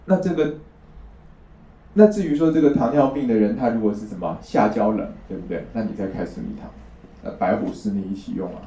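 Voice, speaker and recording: With a fairly low, mellow voice, a man moves fairly quickly through a traditional Chinese medicine lesson, explaining each step and regularly checking for agreement. Slight background noise sits in this distant, roomy lo-fi recording of a classroom lecture.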